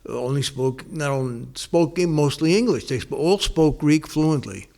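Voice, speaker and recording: This interviewee, an older New York man, looks back on the past in a relaxed oral-history conversation. His slightly high voice is expressive and creaky with a dark tone, and his talk wanders, full of pauses and false starts.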